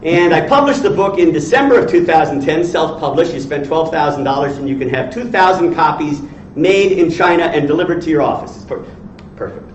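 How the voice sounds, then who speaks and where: A man's voice: fairly high pitch, expressive, brisk. A man in his sixties giving an informal, blunt lecture to a class, teasing and quizzing his listeners in salty language. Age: 60s. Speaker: entrepreneur lecturer. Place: indoor teaching room with audience. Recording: echoey room, distant mic, dull, faint noise.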